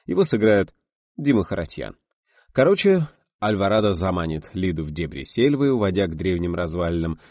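A man's voice: sits low, darkish tone, dry recording, clean studio sound. A man narrating an audiobook, reading expressively and voicing the characters.

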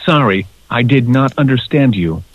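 A man's recorded voice as an automated phone system, its prompts spliced together from separate clips and read in a flat, mechanical way. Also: mid-range voice, normal speed. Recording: dull phone line with faint noise.

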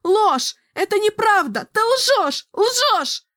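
Shrieking young sorceress. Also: female voice, big pitch swings, slow pace, a bit bright, dry recording, studio quality, heavily acted. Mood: hysterical rage. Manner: shrill, screaming accusations. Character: young girl sorceress, grief-stricken and furious. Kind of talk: audiobook character voice.

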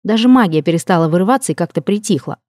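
A woman narrating an audiobook in the first person with an expressive reading. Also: fairly low pitch, very fast, no room sound, clean studio sound.

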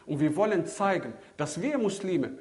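A man preaches to a seated audience in a hall, his voice high for a man and swooping through a wide, lively range. He jumps from loud, emphatic exclamations down to low, murmured asides. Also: moderate pace. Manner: animated, swings from loud exclamations to low murmured Arabic phrases. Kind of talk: sermon.

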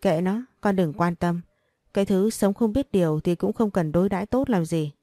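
A woman voicing a sharp-tongued older mother-in-law who hurls insults in a storybook reading. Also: on the low side, moderate pace, no room sound, lightly acted. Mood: scornful. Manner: harsh, insulting.

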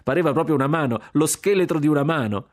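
A man reading aloud, voicing a jovial male officer who shouts with glee and laughs while running. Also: fairly high pitch, quick pace, pitched above the performer's own voice, close to an everyday voice. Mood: gleeful. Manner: exuberant, shouting in French phrases.

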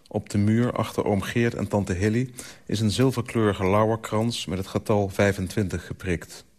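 An author reading his own literary story aloud for radio, in a calm, measured way. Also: lowish voice.

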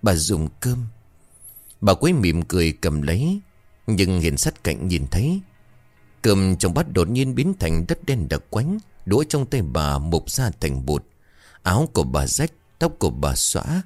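A man's voice: deep voice, big pitch swings, unhurried, a little mellow, no room sound. A man narrating a ghost story in a dramatic, suspenseful style.

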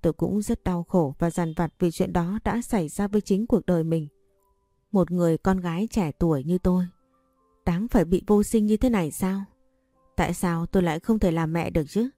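Female storyteller, low pitch, sorrowful first-person narration, soft music bed. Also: normal speed, no room sound, studio quality.

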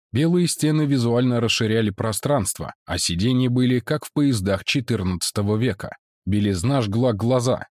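A man reading a science-fiction story aloud as narrator, in an expressive, melodic manner. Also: on the low side, no room sound, studio quality. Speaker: audiobook reader.

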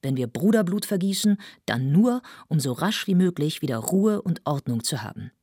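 A woman voicing a military officer who addresses a crowd slowly and commandingly, with a slightly husky voice. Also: low voice, sing-song, dark tone, dry recording, studio quality, pitched above the performer's own voice, heavily acted. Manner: slow, commanding, rhetorical.

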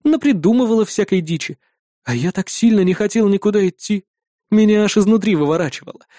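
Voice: mid-range voice, expressive, a little fast, dark tone, no echo, clean studio sound. A reader narrating an audiobook in the first person with a wry, laid-back delivery.

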